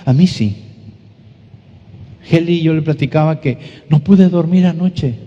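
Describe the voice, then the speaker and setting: A man, preaching a sermon as pastor, asking rhetorical questions and dropping his voice low for emphasis. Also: mellow, husky, lo-fi sound. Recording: long reverb of a church hall.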